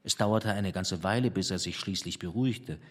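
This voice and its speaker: Husky male audiobook narrator. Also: low voice, a bit bright. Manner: measured, reflective storytelling. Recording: long hall reverb.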